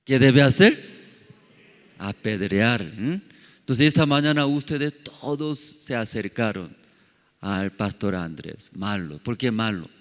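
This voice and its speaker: A male pastor preaching a sermon in halting, non-native Spanish, throwing many questions at his congregation and padding his phrases with fillers. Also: lowish voice, expressive. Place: church sanctuary. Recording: long hall reverb.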